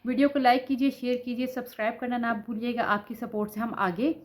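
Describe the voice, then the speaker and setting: This knitting instructor talks fast, with a flat delivery and a voice on the high side. She still patiently explains every stitch step by step despite a sore throat, repeating "ठीक है" as she demonstrates.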